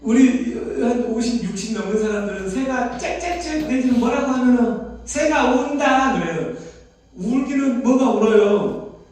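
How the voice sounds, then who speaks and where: High-voiced pastor preaching in an echoey hall. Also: male voice, animated, moderate pace, warm tone, far from the mic. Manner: asks the congregation many questions, acts out quoted voices. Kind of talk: sermon. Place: prayer retreat hall.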